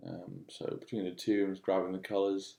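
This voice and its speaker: A man giving a casual, unscripted voice-over demo as a digital artist, speaking in a halting, musing way. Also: deep voice, level tone, creaky, mellow, echoey room. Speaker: digital artist demonstrating own work.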